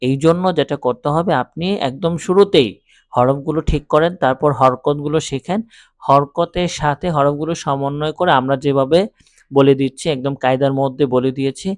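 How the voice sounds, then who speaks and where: A man teaching Quran reading, drawing out recited words slowly between calm, encouraging explanations. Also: mid-range voice, no room sound, clean studio sound. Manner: slow drawn-out recitation between plain explanations. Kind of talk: recitation lesson.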